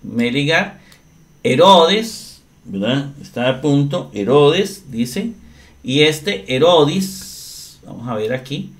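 A man teaching Greek grammar in a slow, step-by-step screen-share lesson, often checking in with his listeners. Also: medium pitch, expressive. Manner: slow, deliberate, often asks "¿verdad?".

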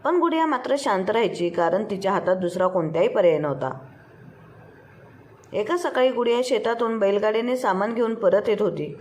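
A woman reads a story aloud as a storyteller, steady and expressive, at a middle pitch for her sex. Her narration is scripted and even-paced. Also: normal speed.

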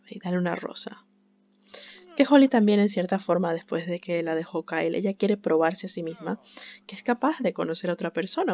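A woman's voice: mid-range voice, darkish tone, lo-fi sound. A woman giving chatty, sympathetic game commentary, laughing often. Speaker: gameplay commentator. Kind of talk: casual let's-play commentary.

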